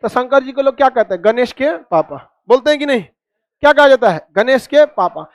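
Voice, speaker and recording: A man's voice: very high voice, animated, fairly quick, dry recording. A man teaching a class, quizzing students with repeated questions and cracking jokes. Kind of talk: classroom lecture with call-and-response.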